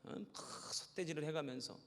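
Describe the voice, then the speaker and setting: A male pastor preaching a sermon in a seminary chapel, telling stories in an animated way that swings from hushed to loud. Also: fairly high pitch, moderate pace, gravelly. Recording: echoey hall.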